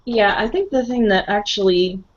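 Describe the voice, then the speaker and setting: A woman's voice: medium pitch, moderate pace, slight background noise. A woman hosting a casual live stream chat, talking freely and laughing often. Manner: chatty, laughs often, talks with mouth full. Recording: dull lo-fi stream audio.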